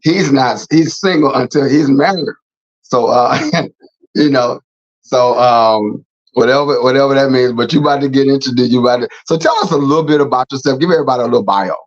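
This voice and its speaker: A man's voice: medium pitch, a little fast. A middle-aged man hosting a casual faith talk show, rambling and repeating words as he goes. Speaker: host. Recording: slightly dull, lo-fi sound.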